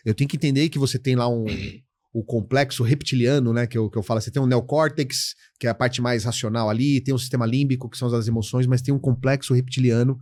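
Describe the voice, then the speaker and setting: A middle-aged man talks on a casual podcast. He tells animated stories about clients and acts out both sides of their exchanges. His voice sits at a middle pitch and sounds dry and close. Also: quick pace, no echo. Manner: animated storytelling, acts out client dialogues, says "cara" often. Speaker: guest, insurance educator.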